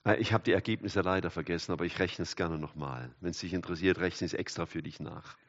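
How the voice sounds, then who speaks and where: An older man preaching a sermon, animated, swinging from loud exclamations to hushed asides and chatting with the congregation. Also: low voice, quick pace. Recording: dull hall recording with long reverb.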